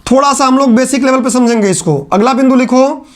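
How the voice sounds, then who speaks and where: A male teacher, dictating lecture notes point by point and repeating each line for students to write. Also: very high voice. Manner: repetitive, dictates points slowly then explains in quick asides.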